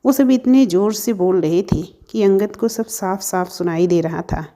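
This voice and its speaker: A woman reading a family story aloud at a steady, even storytelling pace. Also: mid-range voice, unhurried. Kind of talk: scripted story narration.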